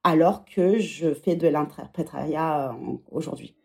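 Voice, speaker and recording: Her voice sits low, creaky and dark in tone, and she speaks at a measured pace. She is a woman in her thirties, a former teacher and podcast guest, thinking aloud reflectively in a conversational interview.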